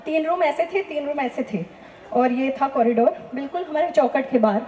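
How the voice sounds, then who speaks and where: A woman's voice: high-pitched, moderate pace, darkish tone, echoey room, slight background noise. A woman telling a personal faith testimony in an earnest, emphatic way, often asking rhetorical questions. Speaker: testimony speaker.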